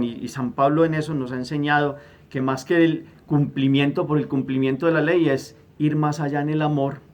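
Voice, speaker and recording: A middle-aged man preaching a gospel homily as a priest, emphatic and repeating words as he searches for phrasing. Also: a little high. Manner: acts out quoted prayers with a raised, louder voice.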